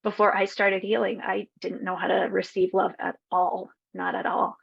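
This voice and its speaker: A woman healer giving a soft, reflective personal testimonial. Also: mid-range voice, flat delivery, moderate pace, creaky, husky. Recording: dull lo-fi recording.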